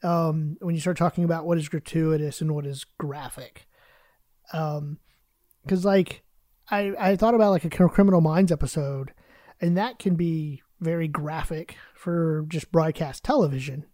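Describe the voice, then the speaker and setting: A man's voice: fairly high pitch, normal speed, warm tone, no echo, clean studio sound. A man co-hosting a podcast in a casual, conversational chat style. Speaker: podcast co-host.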